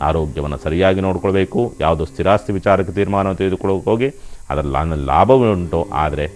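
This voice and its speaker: A very deep-voiced man speaks as a television astrologer. He counsels callers in a soothing, reassuring way, then reads through the day's predictions sign by sign in a steady, even delivery. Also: quick pace. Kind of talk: call-in horoscope advice.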